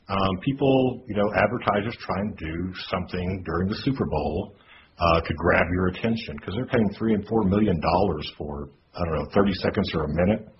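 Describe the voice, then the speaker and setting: Deep-voiced man hosting a lo-fi podcast. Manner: hesitant, many fillers, reads quotes aloud. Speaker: podcast host. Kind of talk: casual podcast commentary. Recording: dull lo-fi podcast audio with noise.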